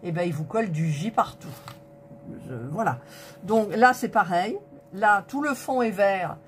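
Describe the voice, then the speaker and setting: This vlogger's voice sits on the low side, with a bit of hiss or hum underneath. She opens a diamond painting kit for viewers, counting the colour numbers aloud and sounding indignant and disappointed.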